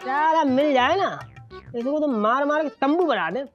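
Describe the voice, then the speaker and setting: An actor playing a brash, indignant friend who rants in a comedy TV serial. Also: male voice, very high-pitched, normal speed, dull audio, soft background music. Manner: brash and ranting. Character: loud, indignant loyal friend.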